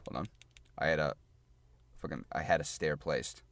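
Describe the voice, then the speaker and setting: A man's voice: very deep voice, moderate pace, a bit bright. A man giving a casual gameplay tutorial, chatty and repetitive, thinking aloud while he plays. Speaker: gaming guide creator.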